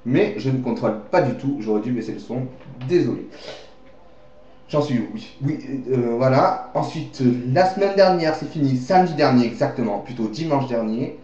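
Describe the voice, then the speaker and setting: A man's voice: mid-range voice, warm tone, a little hiss or hum. A man presenting a home-made mock news bulletin, rambling, joking and often correcting himself. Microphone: webcam. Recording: dull, echoey webcam recording.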